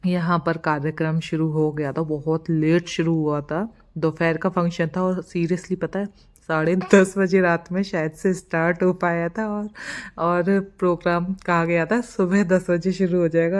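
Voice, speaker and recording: Chatty young woman vlogger, lowish voice. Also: a little mellow. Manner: chatty, rambling, laughs at herself. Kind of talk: casual vlog voice-over.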